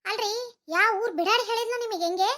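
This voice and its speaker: A woman voicing a sharp-tongued, defiant young village wife in a cartoon comedy, talking in a North Karnataka Kannada accent and firing back scolding retorts. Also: extremely high pitch, fast talker. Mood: indignant.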